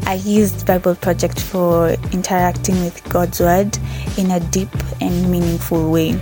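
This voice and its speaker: Low-pitched Kenyan-accented woman over music. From Nairobi, Kenya. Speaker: listener giving a testimonial. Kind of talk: prepared testimonial read to listeners. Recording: music playing behind the voice.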